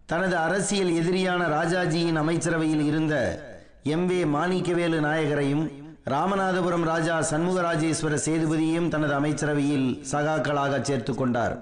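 Higher-pitched man narrating political history. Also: roomy sound.

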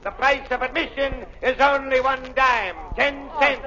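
A man's voice: very high-pitched, steady tone, measured pace, dull audio. Carnival barker, showman's patter, old radio play with a crowd behind. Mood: hawking. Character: brash male carnival barker at a waxworks. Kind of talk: 1930s radio drama.

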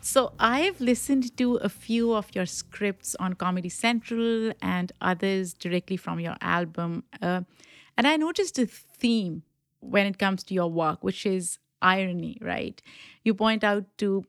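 A woman's voice: medium pitch, measured pace, no echo, studio quality. A woman hosting a podcast interview, asking curious questions and affirming her guest with short interjections. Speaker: podcast host.

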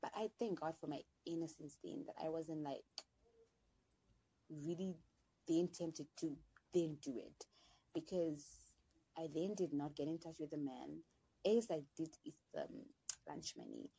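A woman's voice: sits low, big pitch swings, measured pace, gravelly, warm tone, slightly rough, no room sound, rough recording. A young woman from Zimbabwe hosting a podcast, telling a personal story in a candid, chatty way and speaking straight to her listeners. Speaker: podcast host. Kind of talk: casual storytelling.

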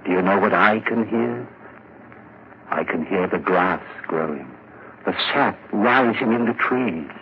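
Fervent, haunted low-voiced musician. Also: male voice, animated. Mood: rapt, fervent. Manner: intense, rhapsodic, dramatic pauses. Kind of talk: 1940s radio drama acting. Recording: muffled, noisy vintage radio recording.

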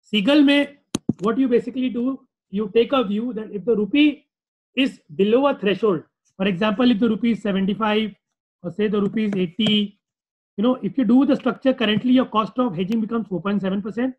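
A man's voice: sits high, brisk, narrow, tinny audio. A man with a North Indian accent presenting an informal finance webinar in a conversational, repetitive way with rhetorical questions. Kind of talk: informal webinar lecture with acted-out client dialogue.

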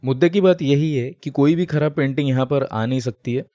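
A man's voice: mid-range voice, fairly quick, dark tone, no echo, studio quality. A man co-hosting a casual podcast, explaining at length with many fillers and English phrases mixed in. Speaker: podcast co-host. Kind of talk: casual chat.

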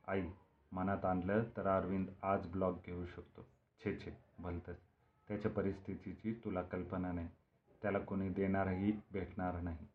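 An older man performs a storytelling piece in a low, steady voice, changing his delivery for each family member he quotes. The recording is thin and tinny like an old tape, with a faint hiss underneath. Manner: lively dialogue voices, rising for quoted characters. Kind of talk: Marathi kathakathan storytelling, voicing each character.

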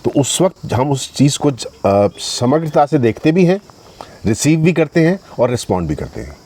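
A man in his sixties, a guest speaking in a measured, explanatory way. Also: mid-range voice, very animated, warm tone. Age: 60s. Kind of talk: reflective casual conversation.

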